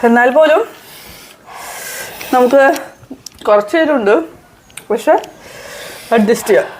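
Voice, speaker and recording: A woman's voice: fairly high pitch, a little slow, a little hiss or hum. A young woman hosting a casual home vlog, talking in a playful, teasing, upbeat way. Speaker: vlogger host.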